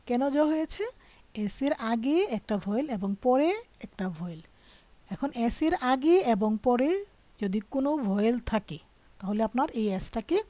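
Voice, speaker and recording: A woman teacher explains a language lesson at a steady, patient pace, often stopping to ask whether her students follow. Her voice sits a little high and sounds mellow rather than bright. The recording is close and dry, with no room echo. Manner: patient, checks in with "ঠিক আছে?" often. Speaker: French teacher.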